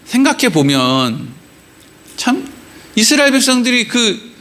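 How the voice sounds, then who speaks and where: A man pastor preaching a sermon in a church, animated and joking with the congregation, acting out quoted voices. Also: very high-pitched, a little slow, a little hiss or hum. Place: church sanctuary.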